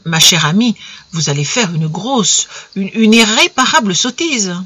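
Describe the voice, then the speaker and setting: A woman's voice: medium pitch, expressive, unhurried, bright, forceful tone, husky, exaggerated voice. A woman reading aloud, voicing a cautious male lover who reasons earnestly with his mistress. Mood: pleading.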